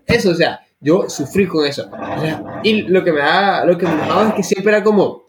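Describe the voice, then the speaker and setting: A woman's voice: fairly low pitch, fairly quick, noisy background. A woman chatting casually, telling stories and acting out quotes. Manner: animated, acts out quotes. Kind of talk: casual chat, storytelling.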